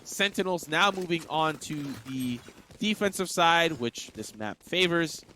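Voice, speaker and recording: A man's voice: a little high, lively intonation, a little slow, sharp tone, slight background noise. A man giving live esports caster commentary, analyzing the game in a conversational way.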